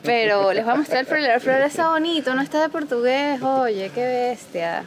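A Venezuelan woman in her late twenties, speaking Spanish with a Venezuelan accent, vlogs playfully and teasingly into a handheld camera held at arm's length. Her voice is high-pitched and brisk, with lively intonation. She starts in shop aisles and moves to a small living room.

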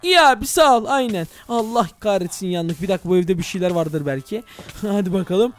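A young man narrating a Minecraft let's-play to his viewers, excitable and full of exclamations. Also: high-pitched, a little fast, no echo. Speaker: gaming YouTuber.

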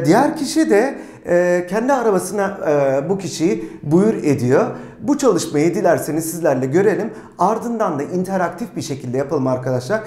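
A language teacher giving a recorded lesson, who says example phrases slowly and carefully and keeps quizzing the viewers before giving the answers. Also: mid-range voice, darkish tone, roomy sound. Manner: speaks German model phrases slowly and deliberately; asks the viewers quiz questions and answers them himself.

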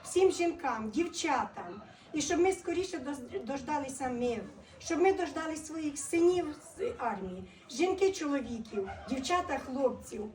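A woman's voice: sits high, expressive, normal speed, a little mellow, echoey room, distant mic. An older woman, the vlogger's mother, giving heartfelt good wishes. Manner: heartfelt, blessing and wishing well.

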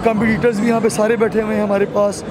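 A man in his thirties with a Pakistani accent represents his company, fielding business questions in an interview through a handheld reporter microphone. His voice is high, flat and fast. He's in a busy indoor expo hall, with a noisy crowd audible behind him.

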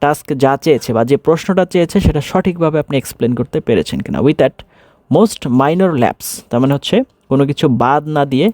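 Man teaching, slow English read-outs. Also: fairly high pitch, a little mellow, no echo. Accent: Bangladeshi. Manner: reads English slowly then explains in Bengali. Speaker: TOEFL instructor. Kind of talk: explanatory lesson.

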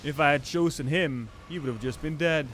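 A man's voice: fairly high pitch, fairly quick, noisy background. A man giving casual live gameplay commentary in a theatrical, playfully mock-threatening way. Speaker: gaming streamer.

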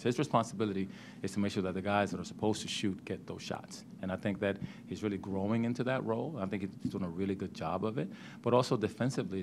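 At the press room table after a game, a head basketball coach with a low male voice gives measured answers into a table microphone. He tends to repeat words when starting his sentences. Background noise is present.

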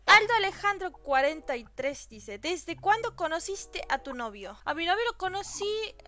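Over soft background music, a young gaming YouTuber with a Santiago del Estero Argentine accent reads fan questions aloud and answers them, giggling in casual chat. She speaks at a moderate pace in a very high, sharp, very animated voice.

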